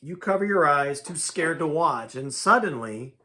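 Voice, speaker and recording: A man reading a choose-your-own-adventure book aloud in a dramatic, animated way. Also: on the high side, normal speed. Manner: dramatic, shifting pace and volume. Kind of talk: animated storybook read-aloud.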